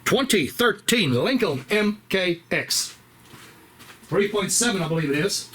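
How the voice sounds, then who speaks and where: A man working as a mechanic, talking through a repair step by step in a relaxed, rambling way with lots of fillers, recorded in a repair shop on a tripod camera. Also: high voice, measured pace. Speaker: auto mechanic. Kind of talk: casual how-to repair walkthrough.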